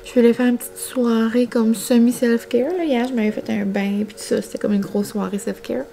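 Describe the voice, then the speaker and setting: Chatty Québécoise vlogger, warm voice. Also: female voice, on the high side, a little fast, creaky. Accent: Québécois French. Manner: chatty, relaxed, sprinkles English words. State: feeling a little unwell, low-key. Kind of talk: casual chat to camera.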